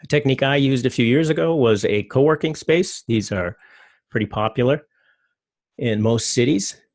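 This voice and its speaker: A middle-aged man giving a relaxed talk, loose and rambling, full of fillers. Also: medium pitch, normal speed, dry recording, clean studio sound. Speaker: presenter. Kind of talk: casual talk with slides.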